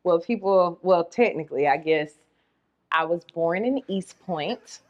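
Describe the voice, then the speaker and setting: A woman, a radio personality guesting on a chat show, telling animated stories and acting out quoted voices. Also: on the low side, measured pace, dull audio. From Atlanta, Georgia. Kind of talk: casual interview storytelling.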